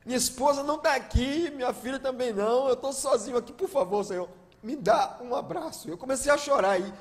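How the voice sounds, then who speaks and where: A guest pastor, preaching a sermon and telling stories, moving from hushed to loud emotional appeals. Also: male voice, very high voice, a little fast. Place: large church hall. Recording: long church-hall reverb.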